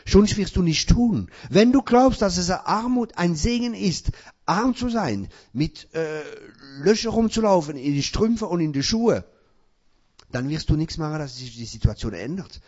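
A male preacher delivering a sermon in non-native German. He reads scripture and asks his congregation questions, then answers them himself, rising to loud emphatic peaks. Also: fairly high pitch, slightly rough. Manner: loud emphatic peaks between quieter passages. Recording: dull lo-fi recording.

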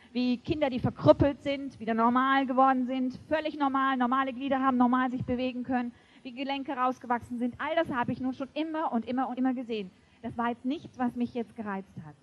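A woman preaching a sermon to a congregation, emphatic and lively, often laughing. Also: on the high side, muffled recording. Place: church before a congregation.

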